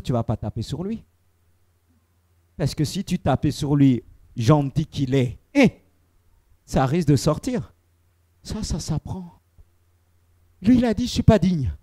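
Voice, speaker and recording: A man preaching with a high, lively voice that swoops up into loud exclamations and drops low into quiet asides. He speaks straight to his congregation as their pastor, now and then taking on the voices of quarrelling spouses. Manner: addresses the congregation directly, mimics quoted spouses. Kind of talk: sermon.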